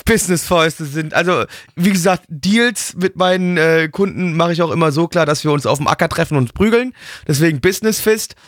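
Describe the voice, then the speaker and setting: A man's voice: on the high side, a little fast, a bit bright, a little hiss or hum. A young man co-hosting a casual anime review, bantering in a crude, mocking, slangy way. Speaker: co-host of an anime review talk.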